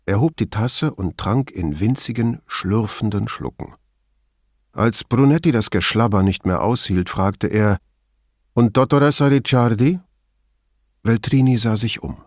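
A man narrating an audiobook in a measured, expressive storytelling manner. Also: lowish voice, no echo, studio quality. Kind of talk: scripted narration.

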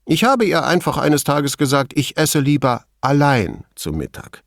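A man reading an audiobook, voicing a middle-aged male lab chief who is smug and gossipy, raising his voice high and letting it swing widely. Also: unhurried, creaky, dry recording, clean studio sound. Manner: high, animated, mocking bursts.

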